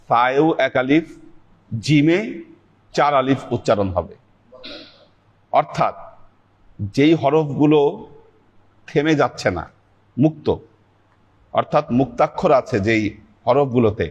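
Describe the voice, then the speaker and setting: A man teaching a class on pronouncing Arabic letters, speaking slowly and patiently, drawing out each letter sound. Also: medium pitch, dull audio. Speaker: Sufi teacher leading a weekly class.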